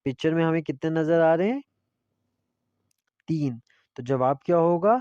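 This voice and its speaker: A man's voice: on the high side, warm tone, no room sound. Man teaching Persian, muffled recording. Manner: reads Persian phrases slowly, then explains them in Urdu. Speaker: language teacher. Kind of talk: classroom lesson explanation.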